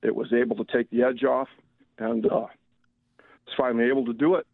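A middle-aged man calling in to a talk show over the phone, speaking in a plain, halting way. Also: medium pitch, gravelly, dry recording. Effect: heard over a phone line. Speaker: caller to a radio talk show. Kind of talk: casual call-in chat. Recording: tinny phone line.

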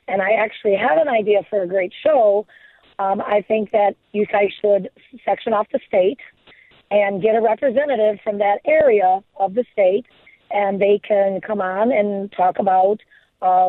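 A woman's voice: medium pitch, no echo. A woman calling in to a radio show over a phone line, chatting eagerly with plenty of suggestions. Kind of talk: casual call-in chat. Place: in northern Wisconsin. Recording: narrow tinny phone line.

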